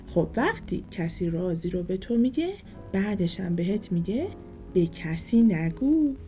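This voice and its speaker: Woman doing a calm gentle father. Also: mid-range voice, faint music behind, lightly acted. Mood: patient.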